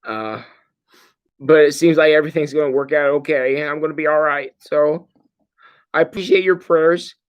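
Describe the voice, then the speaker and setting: Groggy, medicated middle-aged man speaking haltingly. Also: a little high, clear, resonant tone, highs cut off. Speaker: pastor. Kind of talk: casual livestream update to congregation. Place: hospital room.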